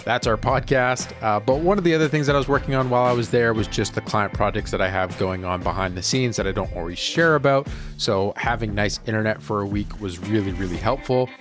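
A man in his thirties narrating his travel vlog in a relaxed, enthusiastic way. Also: on the low side, brisk, hardly any pauses, soft background music. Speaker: vlogger. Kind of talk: casual voice-over narration.

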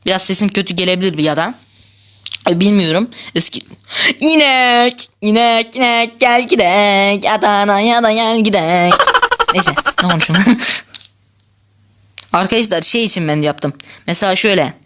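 A woman gives casual commentary over a block-building game, chatty and quick to laugh. She talks straight to her viewers at a middle pitch, jumping between excitement and playful grumbling. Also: smooth. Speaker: gaming channel host.

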